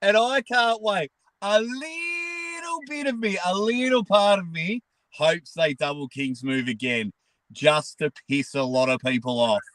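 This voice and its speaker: A man's voice: high voice, measured pace, fairly bright tone, no room sound, poor audio. An Australian man with a blocked-nose sound, chatting casually from a car in a blunt, sweary, joking way. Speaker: guest, arm wrestling personality. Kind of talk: casual chat on a live stream. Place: sitting in a car.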